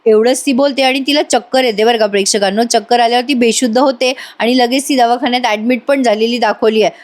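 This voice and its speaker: Woman, TV serial recap voice-over, chatty, exclamatory, talks to viewers, fairly high voice. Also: steady tone, fast talker. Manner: chatty, addresses viewers directly, exclaims often. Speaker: TV serial reviewer.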